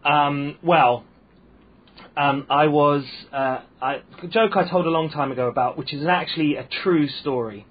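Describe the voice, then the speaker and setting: A man's voice: fairly high pitch, unhurried, husky. A man with a posh English accent, a comedian chatting on a podcast, rambling and hesitant with frequent fillers. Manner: rambling, hesitant, self-deprecating. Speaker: comedian guest. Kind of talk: casual podcast interview. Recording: muffled lo-fi sound.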